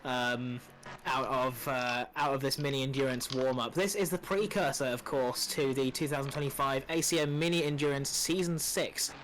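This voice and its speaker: A man's voice: mid-range voice, steady tone, moderate pace, a bit bright, slight background noise, rough recording. A man commentating a live sim racing stream, chatty and promotional with many fillers. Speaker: race commentator.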